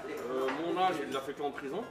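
A man's voice: fairly high pitch, normal speed, roomy sound, over loud music. A man who lives in the area chatting casually with visitors, joking and laughing easily. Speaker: local resident chatting at a window. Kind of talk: casual street chat.

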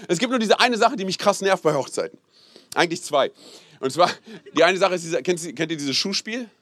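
Lively, upbeat preaching pastor. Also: male voice, high voice, a little fast. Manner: casual, animated, peppered with "hey" and "so, ne?"; has the audience repeat phrases aloud. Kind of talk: lively sermon.

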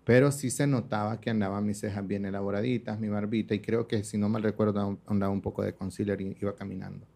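A man's voice: lowish voice, fast, gravelly, hardly any pauses. A young man, chatting as a makeup artist guest and acting out the voices in his stories. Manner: animated storyteller, acts out quoted voices, laughs often. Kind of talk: casual conversational interview.

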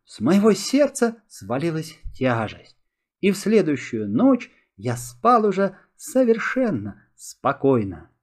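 Husky male storybook narrator. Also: fairly high pitch, slow pace. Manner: expressive storyteller.

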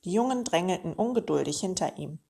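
Woman storyteller, children's book, lively, talks to young listeners, lowish voice. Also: fairly quick, vocal fry, slightly rough. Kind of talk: reading a children's book aloud.

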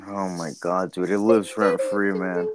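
A young man, a podcast guest, talking casually in slang, excited and repeating himself. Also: low voice, unhurried. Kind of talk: casual chat.

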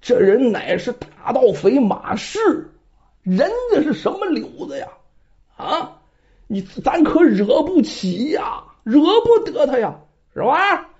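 A storyteller voicing a short, nervous male robber who urges his boss in a hushed whisper, on a dull lo-fi recording. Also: sits high, very animated, slow pace, voice pushed up, full character voice. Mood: anxious.

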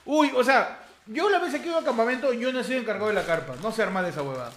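A man's voice: very high voice, animated, very fast, a bit bright, slight background noise. A young Peruvian man co-hosting a comedy podcast, laughing often and stumbling over words as he jokes. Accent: Peruvian Spanish. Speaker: podcast co-host. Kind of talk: casual comedic chat.

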